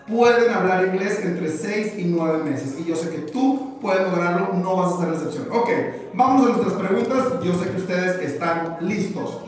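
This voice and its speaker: A male English teacher with a high voice runs a live online class, upbeat and encouraging, blending Spanish with English and slowing down for dictation. He's far from the mic in an echoey hall, with music playing behind him.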